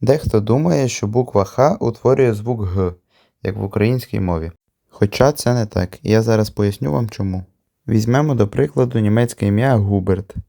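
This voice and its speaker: A man teaching a language lesson on video, explaining calmly and patiently. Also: on the low side, moderate pace, gravelly, no echo, studio quality.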